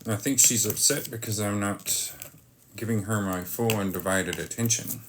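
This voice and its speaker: A live stream host chatting casually while showing off items, halting and often breaking off to greet viewers, with some noise and clicking. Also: low voice. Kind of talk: casual live stream chat while unboxing oracle cards.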